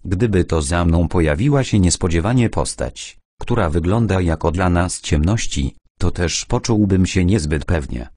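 Deep, husky male audiobook narrator. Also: animated, darkish tone, dry recording, clean studio sound. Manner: measured, deliberate storytelling. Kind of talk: first-person audiobook narration.

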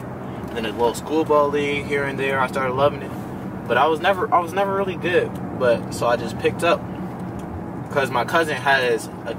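Teen hooper, laid-back slangy talk, mid-range voice, car rumble behind, mic set back. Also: male voice. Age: teens. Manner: relaxed, slangy storytelling. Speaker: high school basketball player. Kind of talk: casual vlog talk. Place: in a car and a gym. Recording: distant mic, loud car noise. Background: car and street noise.

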